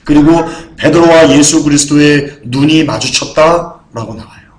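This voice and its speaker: A man preaching a sermon as pastor, building from quiet low talk to loud impassioned preaching and acting out blunt quoted speech. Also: normal speed. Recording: echoey church room.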